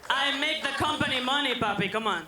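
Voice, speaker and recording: High-voiced, sassy woman on an arena microphone. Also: fairly quick, a loud crowd. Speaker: wrestling executive character. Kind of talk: in-ring promo to a crowd. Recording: echoey, noisy arena.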